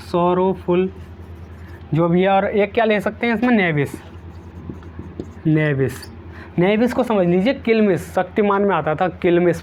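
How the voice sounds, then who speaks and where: A man's voice: high-pitched, muffled recording, slight background noise. A man teaching an exam-prep vocabulary lesson, repeating each word several times and using playful memory tricks.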